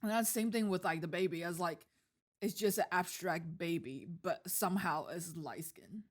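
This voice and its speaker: A woman's voice: lowish voice, normal speed. Giggly young woman, casual podcast chat. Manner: giggly, hesitant, lots of fillers. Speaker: podcast co-host.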